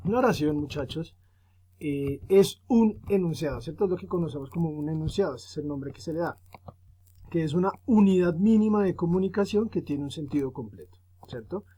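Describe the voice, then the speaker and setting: A male teacher giving a grammar lesson, explaining patiently, often checking in with "¿cierto?" and filling pauses with "eh". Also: on the high side, animated, mellow, husky. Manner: explanatory, frequent "¿cierto?" tag questions; fillers "eh" and restarts while explaining. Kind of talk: recorded grammar lesson for students.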